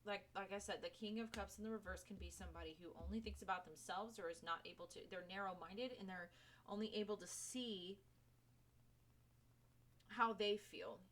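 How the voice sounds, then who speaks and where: A woman's voice: mid-range voice, steady tone, moderate pace, fairly bright tone, slight background noise. A woman giving a casual tarot reading, speaking frankly to the viewer and swearing freely. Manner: chatty, talks to viewer directly. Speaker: tarot reader.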